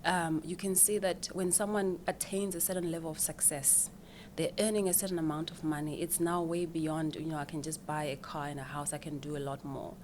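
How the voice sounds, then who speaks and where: A Zimbabwean woman who works as a financial planner answers interview questions, explaining things and often repeating words as she thinks, with small laughs along the way. Her low voice has fairly even intonation and a darkish tone, and she speaks briskly. There's a little hiss or hum.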